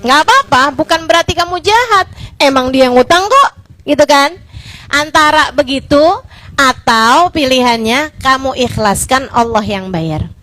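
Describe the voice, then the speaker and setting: High-voiced woman religious teacher, chatty. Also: moderate pace, rough recording. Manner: chatty, asks rhetorical questions; lively with colloquial fillers. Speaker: Islamic religious teacher (ustazah). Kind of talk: casual religious lecture.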